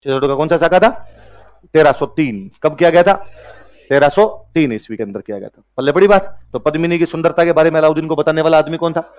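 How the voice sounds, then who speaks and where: A man's voice: a little high, fast, a little mellow. A man teaching a history class, asking and answering his own questions and joking with students.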